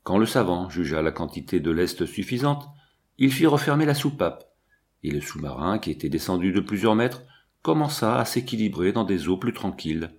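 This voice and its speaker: A man reading an adventure novel aloud as an audiobook narrator, in an expressive, dramatic way. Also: low voice, moderate pace.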